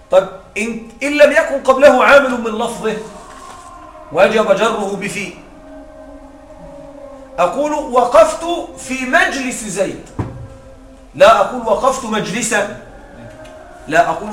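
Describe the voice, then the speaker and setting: High-voiced man teaching grammar. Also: a bit bright. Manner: explains with examples and quizzes students. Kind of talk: classroom grammar lesson. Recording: echoey room with faint noise.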